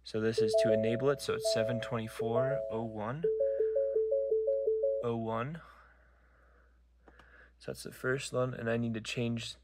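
A man calmly walking through a steering wheel module install from inside his truck, filmed on a phone while he works, with a few near-whispered asides. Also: medium pitch, music in the background. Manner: slow, methodical, talking while working, some near-whispered asides. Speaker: DIY car tutorial maker. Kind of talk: step-by-step how-to narration.

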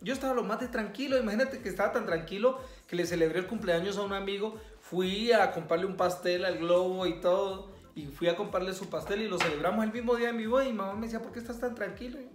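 A young man from Colombia, chatting casually in a relaxed, rambling way in a vlog. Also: sits high, fast, hardly any pauses, slight background noise. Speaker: vlog co-host. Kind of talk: casual chat. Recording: echoey room with faint music.

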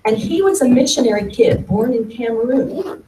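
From a lectern in a meeting room, a woman gives a conversational history presentation, often repeating words as she goes. Her voice is a little high, with lively intonation, a moderate pace and a warm tone. A far camera at the back picks her up, so the hall sounds roomy and distant, with a faint hum.

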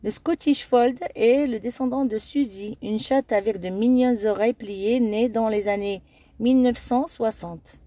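A woman's voice: a little high, unhurried, mellow, dry recording. A woman narrating a scripted documentary-style video, reading steadily with occasional slips.

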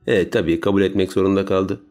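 A man narrating a story in a calm, steady audiobook reading. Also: low voice, quick pace. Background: soft music.

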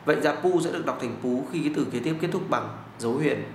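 Man teaching slowly in echoey room. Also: on the high side. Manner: slow, deliberate repetition of phrases for learners to follow. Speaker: Chinese language teacher. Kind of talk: language lesson with read-aloud drills. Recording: roomy echo with faint background hiss.

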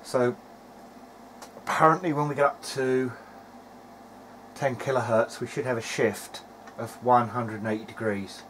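Unhurried and pausing often, a man with a mid-range, slightly bright voice and fairly even intonation talks through an electronics repair in a relaxed, technical manner, thinking aloud with some hesitation. He presents a hobbyist repair video diary, and the audio carries a little hiss or hum.

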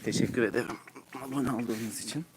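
A man's voice: mid-range voice, steady tone, fast. A man casually vlogging outdoors as he shows his ducklings, coaxing and cooing at them and often urging viewers to subscribe. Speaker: YouTuber showing his ducklings. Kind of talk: casual vlog narration. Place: outdoors in a hot yard. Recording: loud outdoor background noise.

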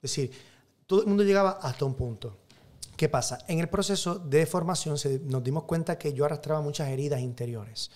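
A man's voice: a little high, fairly quick, darkish tone. A man who is a priest, telling a personal story emphatically in an interview and acting out the dialogue.

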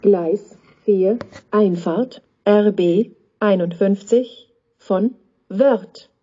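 A woman making a flat automated platform announcement in clipped, piecemeal phrases over station loudspeakers. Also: mid-range voice, drawn-out words, breathy edge. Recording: dull lo-fi station PA, background noise.

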